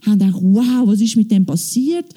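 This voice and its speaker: Lively woman telling a testimony. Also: medium pitch, brisk. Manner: animated storytelling, quoting with "ich so, sie so". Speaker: church member giving testimony. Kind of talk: testimony on stage.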